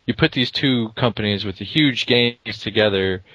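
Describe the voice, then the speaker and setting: A man's voice: lowish voice, normal speed, sharp tone, no room sound, lo-fi sound. A man co-hosting a casual gaming podcast, rambling and trailing off mid-thought. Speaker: podcast co-host.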